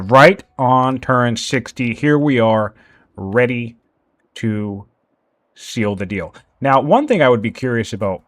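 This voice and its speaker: A man's voice: mid-range voice, a bit bright, no echo. Jokey male game caster, dry close sound. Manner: jokey, laughs often, playfully sarcastic. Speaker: tournament caster. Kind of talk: casual game commentary.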